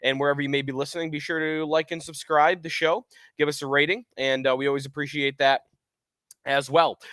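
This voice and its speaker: A male sports podcast host talks energetically, with strong opinions and lots of chatter, even though he's recovering from a cold and losing his voice. His pitch runs on the high side, and there's no echo.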